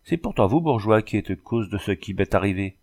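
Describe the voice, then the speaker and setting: A man reading an audiobook voices a coarse, boastful backwoods bandit sailor who talks rough and mocking. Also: on the low side, animated, a little fast, darkish tone. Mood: gruff mocking.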